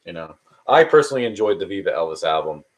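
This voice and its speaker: A man in his early thirties chats casually on a live stream, his low voice swinging widely in pitch as he talks fast. He answers viewer questions in a rambling, hesitant way, restarting often.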